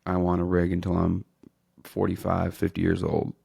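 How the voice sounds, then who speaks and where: A male podcast host with a deep, gravelly voice that stays fairly flat in pitch. He talks bluntly and casually, and he is not shy about swearing. His voice sounds close and dry. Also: moderate pace, no echo.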